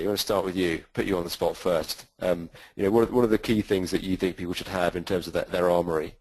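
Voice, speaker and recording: A man's voice: low-pitched, a little mellow, dry recording, rough recording. A man with a British accent moderating a webinar panel, talking with many hesitations and fillers.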